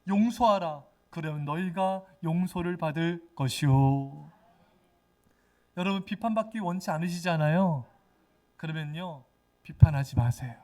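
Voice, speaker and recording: A middle-aged man preaching a Sunday sermon in a fairly high voice. He speaks with strong emphasis and now and then breaks into the voices of the people he quotes. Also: measured pace, mellow. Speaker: pastor.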